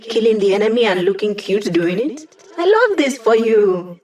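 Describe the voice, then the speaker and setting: A woman's voice: mid-range voice, lively intonation, moderate pace, darkish tone, slight background noise, lightly acted. A woman playing a young tech hacker in a video game, talking in a playful, sardonic, casual and slangy way. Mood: playful, encouraging. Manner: sassy, casual, teasing, slangy.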